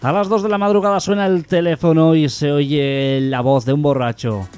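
A man's voice: fairly high pitch, steady tone, normal speed, darkish tone, clean tone. Man reading jokes over music. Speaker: radio comedy host. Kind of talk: reading news and jokes on radio.

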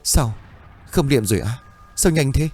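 A man voicing a distraught older widow who cries out in a high, pleading voice. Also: expressive, fast, a little mellow.

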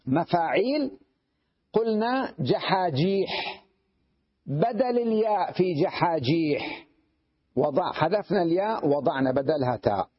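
A man's voice: fairly high pitch, breathy edge. A man, a sheikh, teaching Arabic grammar in a lecture, reading lines from a text and explaining them step by step while often asking if students follow. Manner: checks understanding with frequent rhetorical questions; reads a line from the text, then explains it step by step. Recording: dull lo-fi recording.

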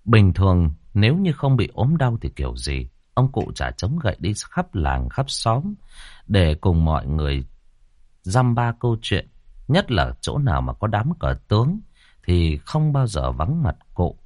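Male storyteller, fairly low voice, lively intonation, faint music behind, ghost story audiobook. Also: unhurried, no room sound, studio quality.

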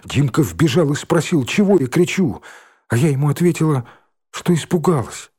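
A man narrating an audiobook in a lively, expressive storytelling manner. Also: on the high side, normal speed, slightly rough. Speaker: audiobook reader.

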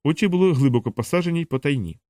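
A man narrating an audiobook in a measured, steady reading voice, close to the mic. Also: a little high, no echo. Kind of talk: scripted narration.

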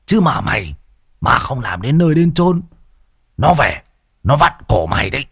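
A man voicing a stern old village elder who gives slow, grave warnings. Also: mid-range voice, big pitch swings, fairly bright tone, breathy edge, dry recording, studio quality, pitched above the performer's own voice, heavily acted. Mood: threatening. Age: older.

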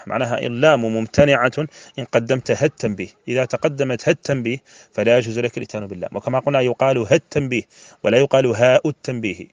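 A man's voice: lowish voice, a little mellow, no room sound. A man from Mauritania, a scholar lecturing on grammar and repeating key phrases for emphasis. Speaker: Islamic scholar teaching grammar. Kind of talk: classroom lecture explaining a verse text.

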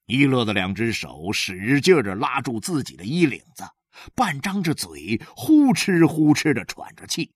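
A man narrating a story aloud, with a lively, expressive reading. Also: moderate pace, husky, no room sound, clean studio sound. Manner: lively, expressive reading that swings widely in pitch. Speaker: audiobook narrator.

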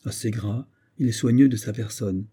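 Dark, husky male audiobook narrator. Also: fairly low pitch, steady tone, moderate pace. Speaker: audiobook reader. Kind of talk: scripted narration.

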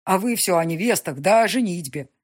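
Lady reading a sulky young noble son, husky, low-ish voice, storybook. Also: lively intonation, fairly quick. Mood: insistent. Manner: sullen, insistent.

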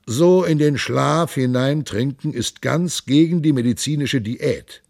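Brief: male audiobook narrator, slow, gravelly, expressive, dry studio. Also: mid-range voice, dry recording. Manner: expressive, unhurried storytelling with character voices. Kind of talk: audiobook reading.

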